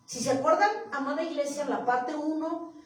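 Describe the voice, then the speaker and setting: A woman's voice: high voice, steady tone, fairly quick. A woman preacher delivering a sermon to her congregation, reading scripture verses aloud and repeating them. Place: church. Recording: echoey hall, far from mic.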